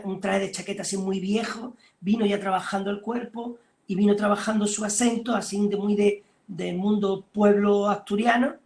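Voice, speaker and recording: A middle-aged film director on a video call, telling stories animatedly and acting out conversations. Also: male voice, high voice, creaky. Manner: animated storytelling, acting out quoted dialogue. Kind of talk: conversational interview.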